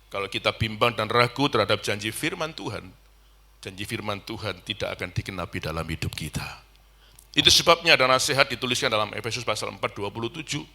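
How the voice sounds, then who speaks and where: A middle-aged pastor preaching to his congregation in a bright, forceful voice. He tells his stories in a lively way and rises to emphatic peaks. His pitch sits at the middle for a man. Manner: storytelling, acting out dialogue, rising to emphatic peaks. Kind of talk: sermon. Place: church service.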